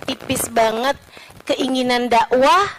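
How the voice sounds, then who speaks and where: High-voiced woman preacher, conversational. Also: slow pace, a little hiss or hum, rough recording. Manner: conversational, sinking to soft hushed tones, then rising earnestly. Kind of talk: sermon.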